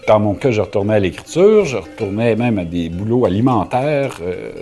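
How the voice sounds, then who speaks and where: A man's voice: lowish voice, big pitch swings, normal speed, mellow, faint music behind. A man with a Québécois accent, a shepherd and writer telling stories casually with many fillers and restarts. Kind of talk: casual storytelling interview.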